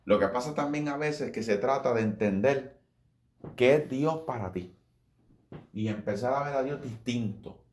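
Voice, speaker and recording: A man's voice: mid-range voice, normal speed, darkish tone, reverberant, a little hiss or hum. A man giving an informal sermon, talking conversationally, repeating phrases and calling his listeners brother. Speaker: preacher.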